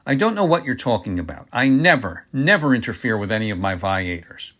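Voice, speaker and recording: A man's voice: lowish voice, big pitch swings, fairly quick, pushed and bright, full character voice. A man reading the part of a pompous, cornered middle-aged businessman who grows defensive and flustered when pressed.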